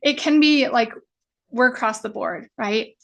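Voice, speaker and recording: A woman's voice: fairly high pitch, expressive, a little slow, vocal fry. A woman business coach teaching a live online masterclass in a casual, chatty way, full of fillers and the odd swear word. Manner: acts out anxious inner voices.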